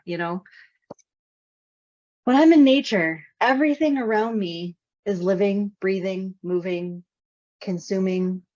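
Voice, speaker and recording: A woman's voice: mid-range voice, darkish tone. A woman hosting a podcast in casual conversation over a video call, talkative and full of "you know". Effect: on a video call with a dropping connection. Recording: dull lo-fi video call audio.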